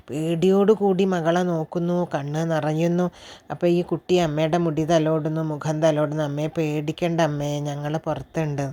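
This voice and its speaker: An older woman telling a personal story in casual, chatty talk to her listeners. She sounds unwell and keeps clearing her throat. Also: fairly low pitch. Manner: chatty, addresses listeners warmly with tag words. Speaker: vlogger.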